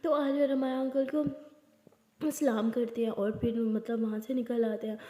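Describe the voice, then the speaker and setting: A woman's voice: fairly high pitch, flat delivery, normal speed, dark tone. A woman narrating a love story in a casual, conversational way. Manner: plain, conversational retelling. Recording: echoey room with long reverb.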